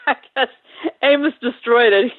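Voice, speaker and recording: A woman's voice: fairly high pitch, slow pace, no echo. A woman talks over a tinny, phone-like line with a dry sound. She tells her stories casually, laughs often and slips into the voices of the people she quotes. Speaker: guest singer. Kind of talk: casual interview storytelling.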